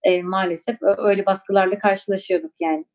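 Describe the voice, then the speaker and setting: A woman's voice: mid-range voice, level tone, fast talker, darkish tone. A woman in her forties from Turkey, recalling her past in an interview with a reflective, hesitant manner and many fillers. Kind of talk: personal recollection.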